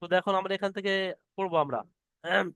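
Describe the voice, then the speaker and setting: A man teaching the Arabic alphabet in an online class, patiently sounding out each letter slowly and explaining how to pronounce it. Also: high voice, vocal fry, a bit bright, dry recording. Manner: slow, patient, drawn-out letter demonstrations. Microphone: computer mic on a video call.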